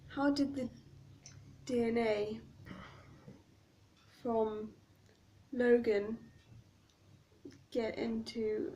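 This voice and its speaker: A woman's voice: fairly high pitch, vocal fry, darkish tone, a little hiss or hum, low-quality recording. A woman in casual chat, bluntly questioning and challenging with open scepticism.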